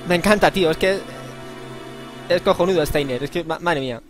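A man's voice: fairly high pitch, brisk. A man with a Spanish accent giving casual, playful gameplay commentary, joking and exclaiming as he plays. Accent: Spain. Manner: playful, slangy, jokes and exclaims while playing. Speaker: let's play host. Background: faint game music.

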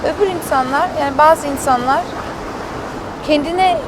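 High-voiced woman, non-native Turkish, arguing defensively. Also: moderate pace, noisy background. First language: not Turkish. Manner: defensive, repeats herself. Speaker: reality show contestant. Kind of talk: heated argument.

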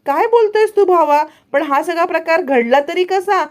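A woman voicing a sharp-tongued young woman who bickers and snaps back. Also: very high-pitched, moderate pace, voice pushed up. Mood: lively. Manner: indignant, bickering.

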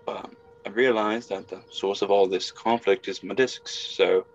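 A young man playing a brash, evasive, confused exile caught stealing, halting and excitable, in an amateur video game role-play drama. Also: on the low side, slight background noise. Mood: rueful, determined. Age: young adult. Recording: muffled lo-fi home webcam audio.

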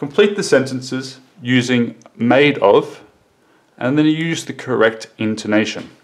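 Male teacher, recorded kids' English lesson, unhurried, mid-pitched, drills model sentences. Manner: slow and deliberate, repeating model sentences.

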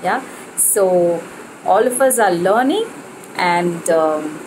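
A woman with an Indian English accent teaching a spoken English lesson, drilling the pronunciation of simple words slowly and deliberately. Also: lowish voice, expressive, a little mellow, a little hiss or hum, low-quality recording.

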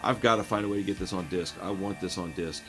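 Deep-voiced and fast, a man in his late thirties chats his way through a horror film review from his home, faint music behind him. He's relaxed, says "man" a lot, and the room around him is shelved with records and movies.

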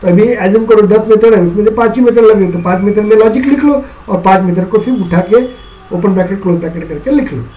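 A man's voice: high-pitched, quick pace, dark tone, highs cut off, slight background noise. A male teacher giving a classroom programming lecture in a mix of Hindi and English, often checking whether the students understand. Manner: repeats questions to check understanding.

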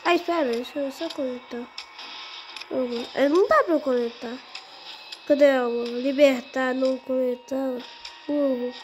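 A woman's voice: high-pitched, normal speed, a little mellow, slight background noise. A young girl playing a game on her channel, talking to herself as she goes and easily startled. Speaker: gaming channel host. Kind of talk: casual gameplay commentary.

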